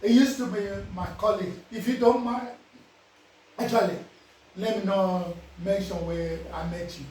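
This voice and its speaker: Speaking at a moderate pace in a high, slightly mellow voice with fairly even intonation, a Nigerian-accented man preaches casual life advice to viewers, again and again checking "you understand?" His voice sits away from the microphone in a very echoey space with slight background noise.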